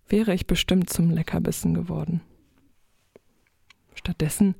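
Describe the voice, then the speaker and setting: A woman reading a children's story aloud in a mellow, warm voice, gentle and expressive. She tells it in the first person as a little fish. The recording is close and dry, with no room sound. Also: lowish voice, no room sound. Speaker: narrator. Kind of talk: audiobook narration of a children's story.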